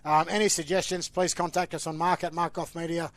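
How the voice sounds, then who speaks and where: A man's voice: fairly high pitch, little pitch movement, brisk, no echo. An Australian man hosting a casual sports podcast, announcing news with upbeat emphasis. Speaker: podcast host.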